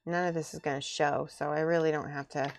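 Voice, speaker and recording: Woman streamer thinking out loud while crafting, lowish voice, casual n informal, faint music behind her. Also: level tone, a little fast, gravelly. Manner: informal, thinking aloud, muttering to herself. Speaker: streamer building and painting miniature models.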